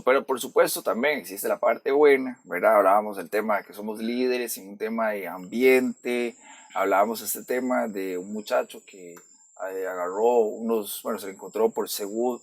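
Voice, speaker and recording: A man's voice: fairly low pitch, dry recording. A man with a Costa Rican accent hosting a casual podcast conversation, often checking for agreement with little tag questions. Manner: frequent "¿verdad?" tags seeking agreement. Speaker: podcast host.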